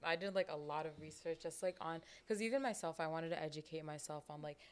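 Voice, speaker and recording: Young female co-host, lowish voice, earnest and chatty. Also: quick pace, smooth. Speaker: podcast co-host. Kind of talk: casual podcast talk.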